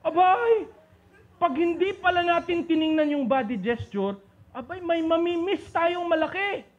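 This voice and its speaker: A man's voice: extremely high pitch, lively intonation, measured pace. A man giving a seminar on communication to a live group, teasing his listeners and calling on them by name. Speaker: seminar speaker. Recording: dull lo-fi recording.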